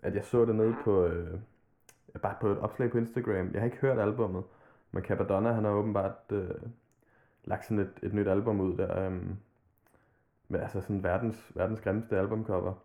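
A man chats casually about hip-hop on a podcast, rambling loosely and swearing freely. His lowish voice is warm with fairly even intonation, coming through a tinny, phone-like line.

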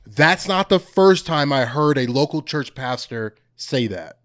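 A man's voice: medium pitch, lively intonation, a little slow. A man hosting a casual commentary chat, slangy and repeating phrases for emphasis. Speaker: host.

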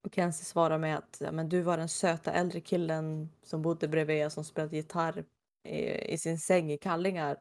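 A woman recounts a TV episode in easy, casual conversation. She slips into the characters' lines with animated little voices, then drops back to her ordinary speaking voice. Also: low-pitched. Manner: animated retelling, acting out quotes. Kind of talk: casual chat retelling a TV episode.

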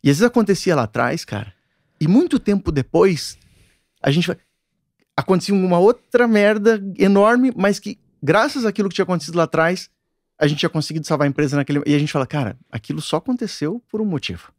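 A Brazilian man guests on a podcast and talks quickly in a slightly raised voice. He rambles in long runs, stacking filler slang between his thoughts. The sound is dry and close, with no echo. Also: sits high. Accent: Brazilian Portuguese. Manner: rambling, fills with "cara". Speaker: podcast guest, company co-founder. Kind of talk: casual podcast chat.

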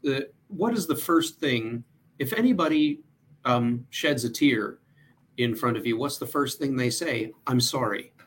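A man's voice: medium pitch, lively intonation, measured pace, a little hiss or hum. A man speaking as a mental health guest in a casual interview, earnest and thoughtful, with frequent fillers.

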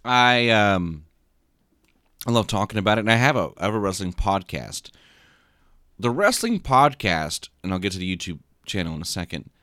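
Speaking at a normal speed, a very animated man with a lowish, sharp-toned voice co-hosts a casual podcast chat. He is sleepy from a short night and rambles, with lots of restarts and repeated words. It's a dry, studio-quality podcast-mic recording.

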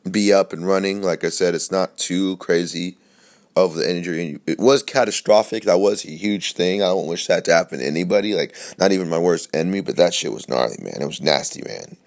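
A young man hosts his own podcast, rambling casually in a low, brisk voice with vocal fry, scratchy from a sore throat. His solo chat is loose and profane, packed with fillers and restarts.

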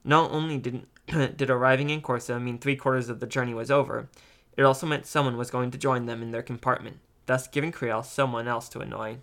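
A man reading an amateur audiobook, halting with ums and self-corrections. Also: mid-range voice, fairly even intonation, a bit bright. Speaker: audiobook reader.

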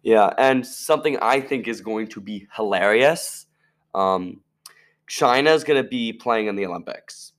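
A man's voice: on the low side, measured pace, a bit bright. A young man co-hosting a casual sports podcast, reading out news and chatting plainly. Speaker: podcast co-host. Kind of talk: casual chat.

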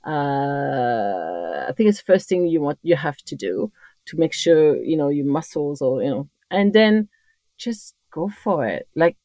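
With a warm, low voice that swings widely in pitch, this French-accented trail runner from Corsica, a woman in her fifties, chats at a measured pace as a podcast guest. Her casual interview talk rambles with many restarts, and the recording is dry.

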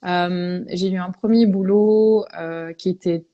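A woman's voice: fairly low pitch, steady tone, slow, highs cut off. Woman from Belgium, reflective and hesitant. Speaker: veterinarian guest. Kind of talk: casual podcast interview.

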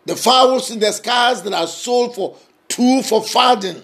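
Slow, emphatic male preacher. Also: very high voice, gravelly. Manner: swings from raised to soft, intimate delivery. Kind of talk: sermon.

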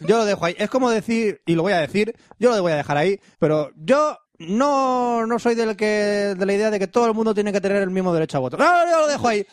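A man's voice: high-pitched, expressive, no echo, studio quality. A young man with a Spanish accent from Spain, co-hosting a podcast and ranting with strong opinions in a casual chat. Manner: opinionated, rapid rants. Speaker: podcast co-host.

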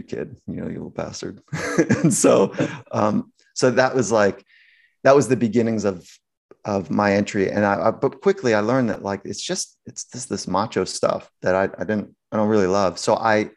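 A man, a sports psychologist, telling a story in a casual interview, acting out quotes with lots of restarts. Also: on the low side. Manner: animated storyteller, acts out quotes, many restarts.

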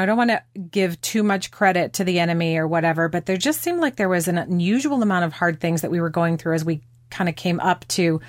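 A woman's voice: on the low side, no echo, studio quality. A woman hosting a faith podcast, chatting casually and affirming her guest, laughing easily. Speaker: podcast host.

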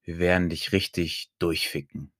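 A man voicing a gruff domineering old stranger. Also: fairly even intonation, normal speed, a bit bright, dry recording, clean studio sound. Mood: commanding. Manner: low murmuring, commanding.

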